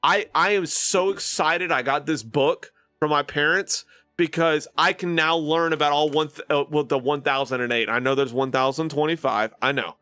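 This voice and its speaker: A man's voice: a little high, steady tone, normal speed, sharp tone, no room sound, studio quality. A man live streaming and chatting casually with his viewers, rambling with lots of fillers and restarts.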